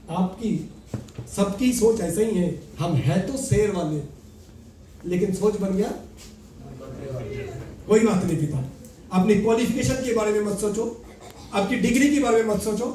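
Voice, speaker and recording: Man, very high voice, animated motivational storyteller, echoey room. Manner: animated storyteller, acts out characters. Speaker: motivational speaker. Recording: echoey room, mic at a distance.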